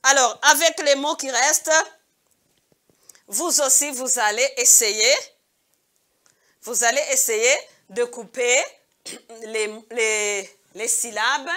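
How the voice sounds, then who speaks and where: Female kindergarten teacher, very slow and patient, bright tone, repeats each word twice for small children. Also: fairly high pitch. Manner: addresses pupils as "mes amis". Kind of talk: recorded video lesson for young children.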